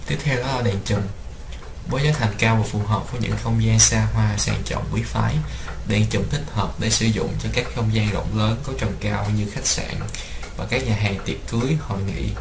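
A young man, a student, reading a class report aloud in a steady way. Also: lowish voice, moderate pace. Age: young adult. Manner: steady, read-aloud delivery. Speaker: student presenter. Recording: roomy with clear background noise.

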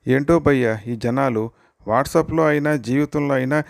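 A man hosting a joke channel, reading short jokes aloud in a steady storytelling way. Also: medium pitch, measured pace, creaky, no echo, studio quality. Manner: steady storytelling read, light voicing of quoted lines.

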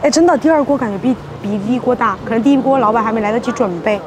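A woman's voice: fairly high pitch, rapid-fire, a crowd in the background, low-quality recording. A young woman chatting casually and playfully to camera as she eats at an outdoor street-side table, often exclaiming. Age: young adult. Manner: playful, exclamatory, talks while eating. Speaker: food vlogger and host. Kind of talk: casual mukbang chat to camera.

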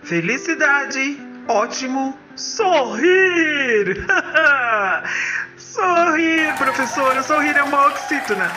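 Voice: high voice, lively intonation, slow, music in the background, a crowd in the background. Performer doing Tom, an eager cartoon helper. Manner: repeats the options, thinks aloud, then calls out the answer.

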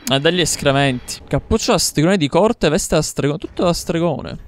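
A man's voice: fairly high pitch, animated, moderate pace, slight background noise. A man commentating his gameplay, taunting enemies and swearing as he plays. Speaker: gamer. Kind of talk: let's play commentary.

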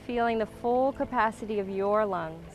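A woman yoga instructor calmly leading a slow, grounding breath and body awareness exercise in a guided class. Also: medium pitch, slight background noise, poor audio. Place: outdoor waterside wooden deck.

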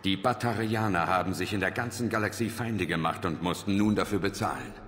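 Casting: resolute sci-fi game commander, very low voice, stern and blunt, long reverb around him. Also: male voice, fairly quick, fairly bright tone. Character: hard, resolute male human military commander. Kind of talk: dramatic video game acting. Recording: reverberant, faint noise and ambience.

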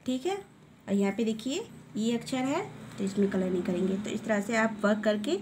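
A patient woman teacher walks young children through a recorded lesson, step by step. Her voice sits fairly high, and she stretches her vowels out and keeps checking in with "okay." A faint hiss runs under her voice. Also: a little mellow. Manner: patient and slow, repeats "okay" and draws out vowel sounds. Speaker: primary school teacher.

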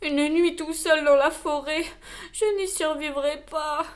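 Woman voicing a scared little wolf from a kids book, plaintive, slow and high. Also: level tone. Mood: fearful. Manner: anxious, plaintive. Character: young timid male wolf, scared of everything.

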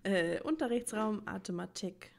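This channel host's let's play commentary is casual and puzzled, with her thinking aloud and muttering to herself while working things out against game music. Her mid-range voice is animated and gravelly, at a normal speed.

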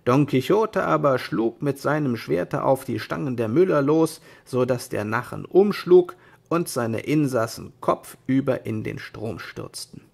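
A man reading an old fairy tale aloud in a measured storybook manner. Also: mid-range voice, expressive, gravelly.

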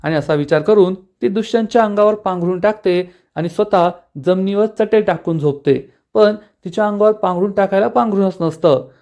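A man's voice: high voice, darkish tone. A man recapping a TV serial episode in chatty narration, talking to viewers as friends. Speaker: TV serial reviewer.

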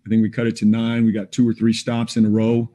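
Indoors before a team backdrop, a forties-aged basketball head coach responds to postgame questions via video call. He's measured and plain-spoken, with many fillers, and his voice is on the low side, mellow and completely flat.

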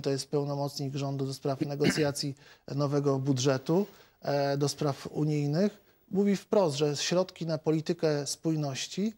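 A man in his forties, a member of parliament, answering questions in a TV studio interview in a measured, hesitant way with many filler sounds. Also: on the high side, gravelly, mellow. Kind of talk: televised political interview. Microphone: lapel mic.

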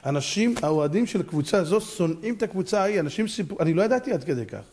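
A man giving a sermon as a rabbi, animated and full of rhetorical questions. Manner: animated, rhetorical questions, sharp pitch swings.

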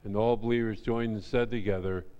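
An older male pastor leading a prayer and a hymn from the pulpit in a church sanctuary, speaking in a measured, reverent way into a pulpit microphone. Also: on the low side, steady tone, dark tone, smooth. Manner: slow, measured, reverent delivery. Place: church sanctuary, large indoor hall. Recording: long reverb of a church hall.

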